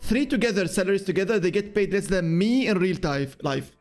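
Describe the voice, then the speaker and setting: A man hosting a casual streamed podcast talks in a high voice, stopping and restarting as he hunts for words. Faint music plays under him. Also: a little mellow. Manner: halting, restarts, non-native phrasing. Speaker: podcast host.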